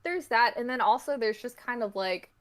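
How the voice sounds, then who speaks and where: A comic creator appears as a podcast guest in a casual interview, her voice fairly high and her pace moderate. She rambles through her thoughts in a reflective, tentative way.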